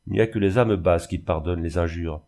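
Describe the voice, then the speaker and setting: A man's voice: low-pitched, fairly quick, a little mellow. A man voicing a bitter young man in a reading of a classic novel, speaking bluntly and sarcastically. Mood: sarcastic.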